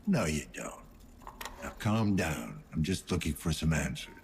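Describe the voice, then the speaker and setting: A man playing a weary, stern police detective in a video game, terse and quietly authoritative. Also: very animated, unhurried, full character voice. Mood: gruff calm. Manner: terse, low-key, authoritative.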